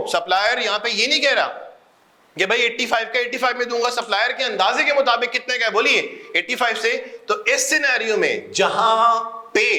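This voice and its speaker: A man's voice: very high voice, pushed and bright, echoey room. A man lecturing on accounting, repeating his points emphatically and urging students to call out answers. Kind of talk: classroom lecture.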